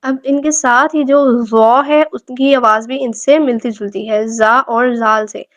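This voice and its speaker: A woman teaching a beginners' tajweed lesson, patiently repeating each point and slowly sounding out Arabic letters one after another. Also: a little high, steady tone, a bit bright, no room sound. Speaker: Quran recitation teacher. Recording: dull lo-fi recording.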